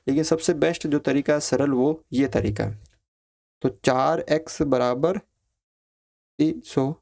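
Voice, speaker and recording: A man teaching a maths lesson, explaining each step slowly, counting values aloud and checking in with his students. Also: on the high side, gravelly, darkish tone. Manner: asks students questions, repeats phrases like ठीक है.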